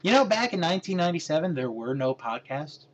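A man co-hosts a podcast in relaxed, casual talk. He hesitates and restarts often, and his pitch moves up and down a lot. A faint hiss sits behind his voice. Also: fast talker. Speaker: podcast co-host. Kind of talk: casual chat.

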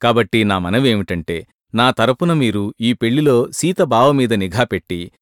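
A man's voice: mid-range voice, lively intonation, normal speed, no echo, clean studio sound, close to an everyday voice. A man voicing an earnest young husband who is suspicious but polite, speaking in a pleading way during a storybook reading.

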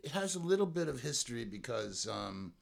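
Podcast co-host, man, gravelly and expressive, dry wit. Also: mid-range voice, brisk. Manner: dry, wry jokes. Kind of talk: casual banter among friends.

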